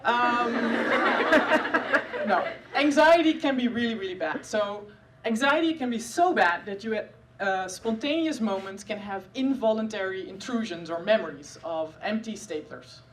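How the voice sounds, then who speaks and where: On a live comedy stage, a Dutch-accented woman in her thirties who works as a neuroscientist does a dry, self-mocking set about her science, with frequent filler sounds. Her fairly high, slightly bright voice is animated and a little slow, recorded from a distance with slight background noise.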